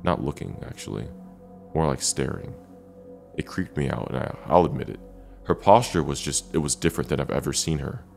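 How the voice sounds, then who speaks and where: Casting: male horror storyteller, extremely low gravelly voice, dramatic and deliberate, over faint music. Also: lively intonation, darkish tone. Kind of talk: first-person scary story narration.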